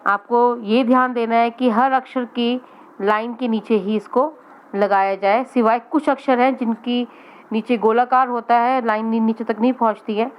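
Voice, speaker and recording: A woman teaching young children to read, slowly sounding out each letter and word. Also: fairly high pitch, steady tone, highs cut off. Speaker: primary school teacher. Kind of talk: children's reading lesson.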